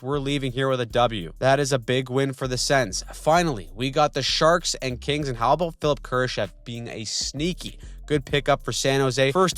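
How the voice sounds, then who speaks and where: A man's voice: medium pitch, a bit bright, no room sound. A young man narrating a scripted weekly hockey recap with snarky, slangy jokes. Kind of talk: scripted sports recap voice-over.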